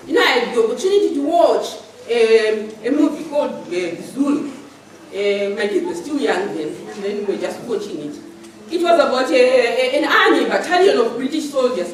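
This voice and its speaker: A woman preaching a sermon in a church hall, animated and laughing often as she talks. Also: high voice, a little hiss or hum. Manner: animated, laughing often, acting out shouted commands. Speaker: lay preacher. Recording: echoey church hall, mic far off, congregation audible.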